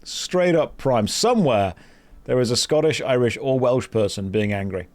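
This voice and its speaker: With a mid-range voice, lively intonation, and a moderate pace, a man chats casually with his live-stream audience during a game. His humor is self-deprecating, and he reads chat messages and quest text out loud.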